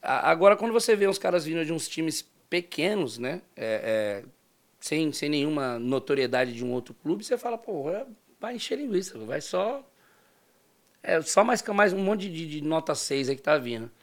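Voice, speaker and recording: A man explaining things at length in relaxed chat, his voice rough and gravelly. He speaks a little high for a man. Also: normal speed. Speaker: guest, football fan. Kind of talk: casual podcast chat.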